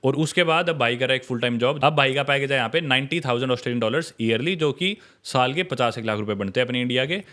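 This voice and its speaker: A man's voice: medium pitch, fast talker, hardly any pauses, fairly bright tone. A man hosting a casual interview podcast, asking questions and recapping answers for listeners. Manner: frequent short acknowledgements, recaps for the audience. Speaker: podcast host.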